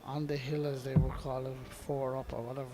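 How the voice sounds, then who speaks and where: A man's voice: medium pitch, level tone, brisk. An Irish man giving live darts commentary in a colloquial way, full of slang. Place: echoing venue with crowd behind. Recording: echoey hall with crowd noise.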